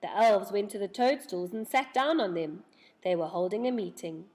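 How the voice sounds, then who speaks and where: A woman reads a children's storybook aloud in an expressive, dramatic storytelling style, at medium pitch and normal speed.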